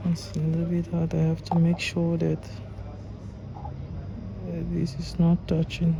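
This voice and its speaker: A man with a Cameroonian accent, a repair technician talking calmly as he works, often restarting his sentences. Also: fairly high pitch, a little slow, creaky, noisy background. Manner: calm, explaining as he works, with frequent restarts. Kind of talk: casual workshop vlog talk.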